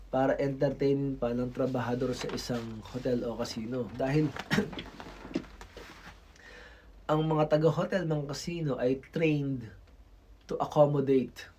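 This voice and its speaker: A man's voice: mid-range voice, mellow, a little hiss or hum. A man from the Philippines giving blunt, lecturing travel advice in a casual vlog. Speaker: Filipino worker in Macau giving travel advice.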